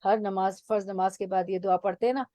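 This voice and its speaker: Mellow-voiced woman teaching slowly. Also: mid-range voice, little pitch movement, dry recording. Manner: explains slowly, repeating and defining words. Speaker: Quran teacher. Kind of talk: religious lesson.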